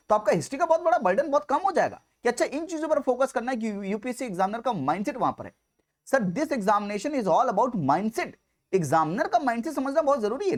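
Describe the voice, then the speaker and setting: An Indian-accented man coaches students for exams, lecturing emphatically in a blend of Hindi and English and going over the key points again and again. His voice sits high.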